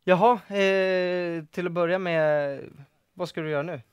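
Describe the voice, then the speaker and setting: A man's voice: high voice, fairly even intonation, clean tone, no room sound. A Swedish man hosting a stock market show in casual studio chat, talking hesitantly with many fillers and restarts. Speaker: co-host of an investing show.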